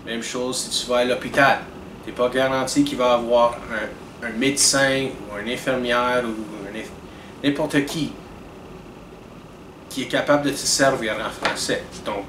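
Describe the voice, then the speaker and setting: This Canadian vlogger is a young man with a steady, medium-pitched voice, talking straight to camera indoors against a dark curtain. His commentary is earnest, deliberate, and unhurried, marked by restarts and hand gestures. The room sounds roomy and echoey, picked up from afar with an air-conditioning hum.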